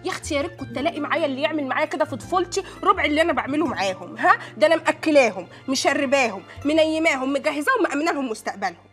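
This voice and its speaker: Brief: a loud scolding Egyptian woman, rapid-fire, shrill. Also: expressive, faint music behind. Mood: defensive. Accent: Egyptian Arabic. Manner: rants quickly, exaggerated and mocking. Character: hot-tempered loud woman, fierce and scolding. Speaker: harsh employer of a young maid.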